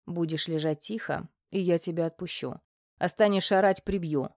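A woman reading the part of a rough, threatening unshaven man in a hoarse, menacing tone. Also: on the low side, moderate pace, a little mellow, no echo, studio quality, lightly acted.

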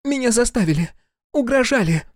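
A man voicing a scheming young noblewoman in an audiobook, in a raised, pleading, shrill voice. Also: animated, a little fast, no room sound, clean studio sound. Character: scheming, desperate young noblewoman, a prince's wife.

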